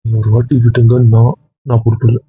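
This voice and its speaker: A man acting as a stern, lecturing young man in a homemade family drama, rattling off his words at a rapid clip. His voice is husky and dry, and the sound is thin and tinny, like a phone line. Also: medium pitch, monotone, dry recording. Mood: defiant teasing. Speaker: actor in a family comedy-drama skit. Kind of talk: casual web-series acting.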